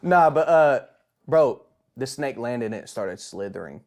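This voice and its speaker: A young man co-hosting a podcast, telling a spooky story in a lively way, laughing and calling his friend bro. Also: mid-range voice, unhurried. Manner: animated, laughing, says bro a lot. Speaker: podcast co-host. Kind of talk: casual chat, telling a scary anecdote.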